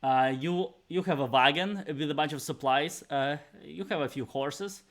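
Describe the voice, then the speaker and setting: A man's voice: a little high, moderate pace, a bit bright. A man narrating as game master, hesitant and heavy on fillers.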